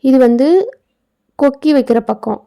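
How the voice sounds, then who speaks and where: A woman's voice: high-pitched, steady tone, moderate pace, gravelly, mellow. A woman giving a casual, explanatory voice-over for a sewing tutorial, with chatty asides. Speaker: tailoring channel host. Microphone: phone.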